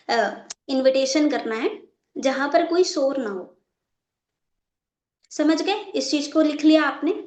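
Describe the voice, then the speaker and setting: With a high voice and a roomy sound, a network marketing trainer leads a live online training session. She repeatedly stops to check that her class is keeping up, going back over her points.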